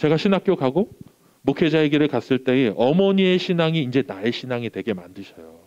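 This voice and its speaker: Animated male pastor preaching. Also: mid-range voice, brisk, dull audio. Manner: animated storytelling, acts out quoted voices. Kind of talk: sermon.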